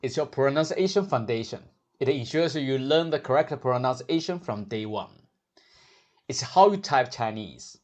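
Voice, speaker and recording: A man teaching a scripted lesson on Mandarin pronunciation, speaking in a measured way and sounding out each syllable slowly and clearly. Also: mid-range voice, expressive, darkish tone.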